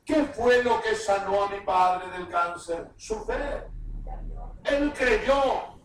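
A man preaches a fervent sermon with a high voice, reading scripture slowly and raising it to a shout to drive points home. He sounds far from the mic, in a very echoey room with faint background noise. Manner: fervent preaching, reads scripture aloud with bursts of shouted emphasis.

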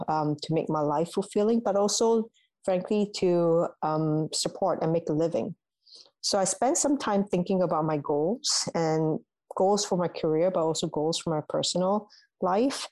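A young woman from Malaysia, a university alumna answering interview questions in a measured, thoughtful way, with ums and restarts. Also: deep voice, darkish tone, no room sound, poor audio. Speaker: guest, alumna.

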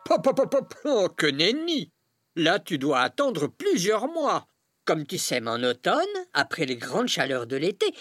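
A storyteller voicing a cheerful, patient farmer explaining things in a storybook reading, lively and raised in pitch. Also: no echo, studio quality, exaggerated voice. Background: soft music.

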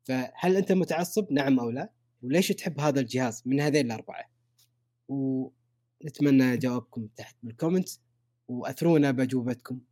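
A man's voice: mid-range voice, fast talker, warm tone. A man co-hosting a casual podcast, posing questions with a teasing manner. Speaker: podcast co-host.

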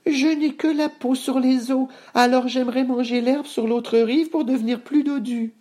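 Small timid goat, storybook, very high squeaky voice, pleading, stammering. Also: male voice, fairly even intonation, moderate pace, darkish tone. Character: small timid young billy goat, frightened.

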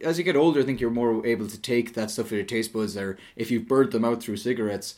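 Male podcast co-host, quick talker, rambles through long explanations. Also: mid-range voice, a little mellow. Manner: rambling, explains at length with restarts. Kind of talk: casual chat.

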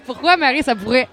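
A woman with a Quebec French accent chats casually on a podcast, playful and eager. Her voice is high and leaps around a lot. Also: pushed and bright. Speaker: podcast co-host. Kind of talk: casual chat.

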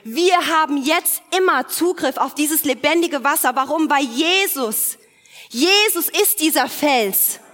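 High-voiced woman preaching in a reverberant hall. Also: animated, a little slow, fairly bright tone. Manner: emphatic preaching with repeated phrases and occasional restarts. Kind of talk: sermon.

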